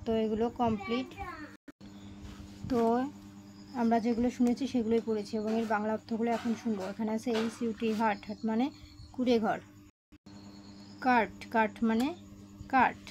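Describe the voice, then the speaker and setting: A woman talks a young class through a textbook lesson, slightly high in pitch. She spells out each word, repeats every step and keeps checking that her listeners follow along. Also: level tone, background noise. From Bangladesh. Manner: explains slowly, repeats each step, asks "ঠিক আছে?" often. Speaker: teacher.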